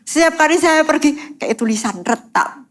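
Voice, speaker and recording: A woman with an East Javanese accent giving a personal testimony in church, telling her story in a lively way and sprinkling English phrases in. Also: high voice, moderate pace. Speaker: guest speaker.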